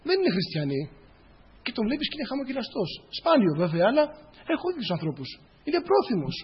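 Male preacher, high husky voice, repeats lines for emphasis, dull lo-fi recording. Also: wildly swooping pitch. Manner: addresses the congregation as brothers, tells personal stories. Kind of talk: sermon.

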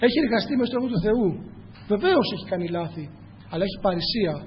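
This preacher has a high, expressive male voice, delivering a sermon in a church hall captured with echo, a faint hum, and dull lo-fi quality. Earnest throughout, he keeps addressing the congregation as brothers and asking rhetorical questions.

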